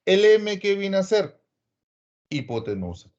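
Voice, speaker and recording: A man teaches trigonometry with lively energy and coaxes his students along by name. His voice sits a little high, and he often slips into quick imagined replies from his class. The audio is dull and lo-fi. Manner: addresses students by name, coaxing. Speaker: math teacher.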